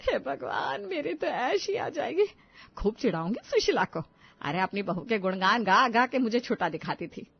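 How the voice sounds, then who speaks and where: A woman voicing a loud, bossy older mother-in-law who scolds in shrill outbursts, on a dull, dry recording. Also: big pitch swings, normal speed, creaky, breathy edge, heavily acted. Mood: gleeful.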